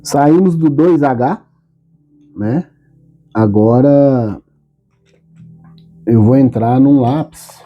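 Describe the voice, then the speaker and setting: A man teaching a step-by-step drawing tutorial, calm and patient, often checking in with short questions. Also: medium pitch, very slow, long pauses, phone-quality sound.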